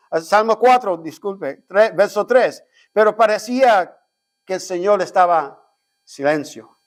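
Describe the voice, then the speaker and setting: High-voiced pastor preaching. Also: male voice. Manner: preaching with frequent amens and asides to the congregation; dramatizes his own prayers, rising to a shout. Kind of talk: Sunday school sermon.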